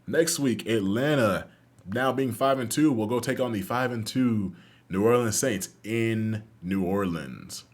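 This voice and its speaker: A man doing excitable play-by-play commentary over a football video game, calling each play like a sportscaster. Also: on the low side, unhurried. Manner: excitable, calls plays like a sportscaster. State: out of breath at the end. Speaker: YouTube gaming host.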